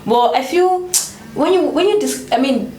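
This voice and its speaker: Animated young woman in an echoey room. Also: moderate pace, a little hiss or hum. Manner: animated, rises in pitch when making a point. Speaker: co-host. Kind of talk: casual panel chat.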